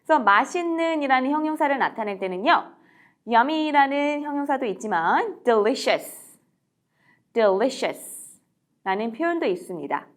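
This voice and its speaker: A woman teaching English in a recorded lecture, repeating English phrases slowly and clearly, with a friendly, encouraging tone. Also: sits high, very animated. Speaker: English teacher and book author.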